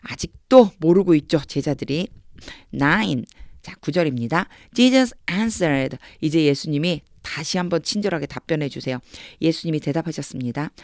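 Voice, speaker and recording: A woman tutor giving a Bible-based English reading lesson. She explains patiently, reads English phrases slowly with stress, and acts out quoted lines with lively emphasis. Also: low-pitched, dry recording, clean studio sound.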